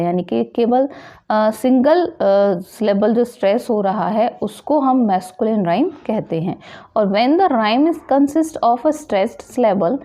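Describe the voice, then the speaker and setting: A woman teaching a literature lesson, reading English definitions slowly and explaining them, asking questions and answering them herself. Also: a little high, dark tone. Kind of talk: exam-prep lesson.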